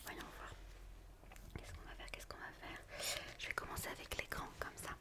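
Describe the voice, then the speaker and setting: A woman doing a whispered role-play as a gentle, quirky book therapist, in a hushed library whisper, softly repeating phrases to soothe. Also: moderate pace. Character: quirky, gentle female book physiotherapist attending a patient. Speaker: ASMR performer playing a book therapist.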